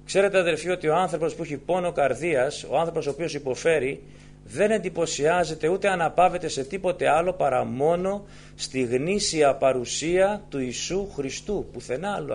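A man preaching a sermon in a fervent style, building his points through repeated phrases and direct appeals to his listeners. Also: fairly high pitch. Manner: fervent, repetitive rhetorical preaching.

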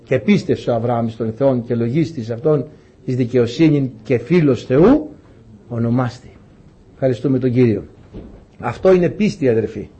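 A man's voice: mid-range voice, dark tone, slightly rough, dull audio. A man preaching a sermon, emphatic and rhetorical, acting out Bible stories for his congregation.

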